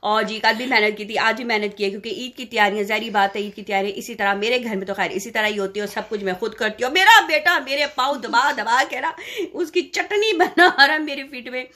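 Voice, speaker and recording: Woman host of a family vlog, bright and slightly high voice, chatty and teasing, filmed on a phone at home. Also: fairly quick, hardly any pauses. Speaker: family vlogger. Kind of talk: casual vlog chat. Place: at home in a living room.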